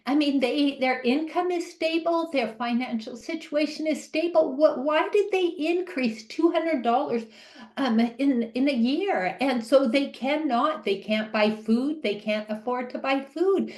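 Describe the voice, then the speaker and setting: A woman speaking as a live interpreter, voicing a deaf advocate's question on a webinar in halting speech with restarts. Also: high voice, darkish tone, roomy sound. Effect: live sign language interpreter voicing a deaf participant's question.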